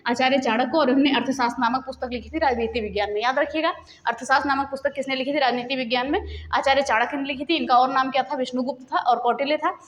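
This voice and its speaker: A woman teacher giving a quick exam revision lesson, repeating key facts as questions and then answering them. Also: high-pitched, a bit bright, highs cut off. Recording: echoey room with long reverb.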